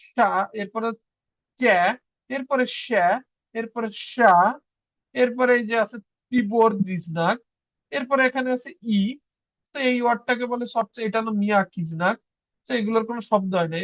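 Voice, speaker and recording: A man's voice: very high-pitched, a bit bright, no echo. A man teaching a beginners' class, sounding out letters one by one and coaxing students to practise. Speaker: language teacher. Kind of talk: informal classroom lesson. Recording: dull dry lo-fi recording.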